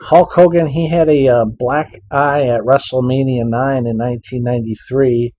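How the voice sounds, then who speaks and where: A man's voice: medium pitch, fairly even intonation, moderate pace, warm tone, dull audio, slight background noise. A man co-hosting a casual podcast, mostly giving short agreeing replies and reading out listener questions.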